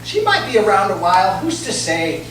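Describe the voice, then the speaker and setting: A woman playing a blunt, plain-spoken patient in a staged play, talking in a halting, colloquial way. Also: medium pitch, very animated, close to an everyday voice. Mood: guarded, wry. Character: blunt, plain-spoken cancer patient, parent of grown daughter. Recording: very echoey room, distant mic, clear noise.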